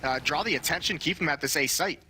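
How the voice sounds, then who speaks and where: A man's voice: on the high side, fast talker, slightly rough. A man working as an esports caster, giving conversational, explanatory analysis of a competitive shooter match. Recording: loud game gunfire and clicks behind voice. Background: loud video game gunfire and clicks.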